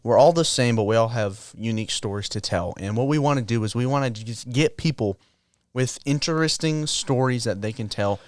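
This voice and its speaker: A man's voice: medium pitch, a little fast, no echo. Young man co-hosting a podcast, dry sound. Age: young adult. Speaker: podcast co-host. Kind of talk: casual chat. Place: home couch.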